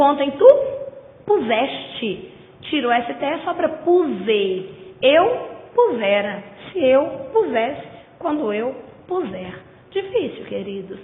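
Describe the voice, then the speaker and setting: A woman teaching grammar in a lecture, with a Brazilian Portuguese accent, drawing words out slowly to stress their syllables. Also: sits high. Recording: tinny, echoey lo-fi recording.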